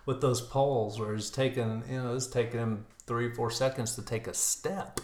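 A man in a casual chat, telling an animated running story and bursting into loud reenactments. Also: mid-range voice, normal speed. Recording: roomy echo.

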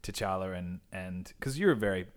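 A man hosting a casual podcast, talking in an articulate, opinionated and animated way. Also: low voice, moderate pace. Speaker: podcast host.

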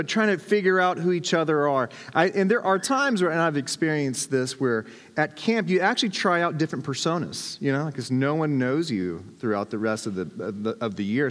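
Male pastor, light humorous storyteller, slightly high voice, reverberant sanctuary. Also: animated, brisk, few pauses, a bit bright. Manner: storytelling, self-deprecating humor. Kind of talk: sermon. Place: church sanctuary. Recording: long hall reverb.

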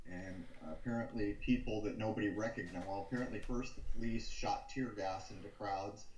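An American man hosting a casual live-stream commentary, phrasing his thoughts in a deliberate, hesitant way over muffled call audio. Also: on the low side, slight background noise. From United States.

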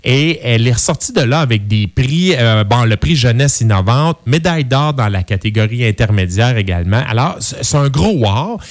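A man's voice: mid-range voice, expressive, normal speed, few pauses. Enthusiastic man with a Quebec French accent. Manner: colloquial, enthusiastic. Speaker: radio show co-host. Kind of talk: casual on-air chat.

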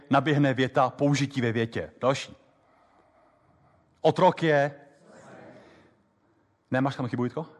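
A man giving a live lecture on memory techniques, explaining quickly and lively with many fillers. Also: fairly high pitch. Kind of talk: live lecture with app demo. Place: lecture hall with audience. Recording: long hall reverb.

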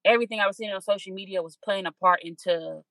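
A woman's voice: mid-range voice, quick pace, fairly bright tone, dry recording, rough recording. A young woman guest on a podcast, openly and reflectively telling a personal story and acting out the thoughts in her head. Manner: open, reflective, acts out her own inner voice. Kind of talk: candid conversational storytelling.

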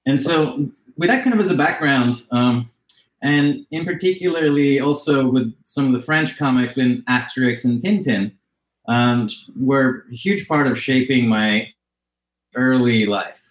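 A man's voice: mid-range voice, a little slow, reverberant, low-quality recording. A man from Norway, a company co-founder, talking in a casual podcast interview, thoughtful and rambling with many fillers.

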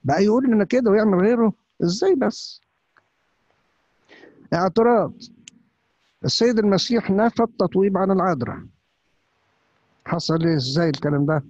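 A man with an Upper Egyptian Arabic accent preaches a sermon as a priest, pressing his listeners with one rhetorical question after another. His voice sits a little high and sounds husky and breathy. The recording is dull and lo-fi, with a dry, close sound. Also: quick pace, pauses often, a little mellow, dry recording.

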